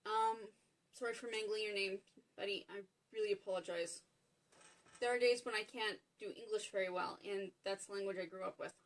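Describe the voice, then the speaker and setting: A woman with a Canadian accent hosts a live cooking demonstration from her home kitchen, chatty and apologetic, greeting viewers by name as she talks them through each step. She speaks fairly quickly at a medium pitch, and the recording is rough.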